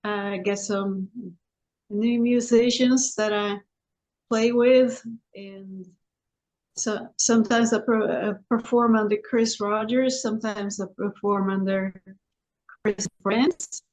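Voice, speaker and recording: A singer-songwriter woman from Sweden, a guest in an interview, who talks slowly and haltingly with many restarts. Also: medium pitch, steady tone, darkish tone, rough recording.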